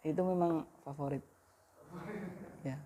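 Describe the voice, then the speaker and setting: A woman's voice: sits low, fairly even intonation, a little slow, mellow, slight background noise. A woman teaching Arabic grammar, often leaving a sentence open for students to finish. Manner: quizzes the class with half-finished questions. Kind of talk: classroom lesson.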